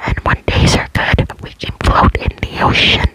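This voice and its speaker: Woman in a close cupped-hand whisper. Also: moderate pace. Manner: whispers throughout with hands cupped around the microphone; soothing, repeats words and phrases. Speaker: amateur ASMR video creator. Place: indoor room at home. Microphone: desk microphone very close, cupped by hands.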